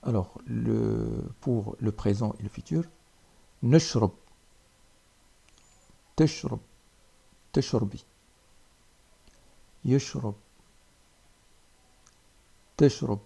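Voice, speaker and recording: Slow gravelly male language teacher. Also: fairly low pitch, steady tone, warm tone. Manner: repeats words slowly with pauses. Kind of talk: slow spoken language lesson.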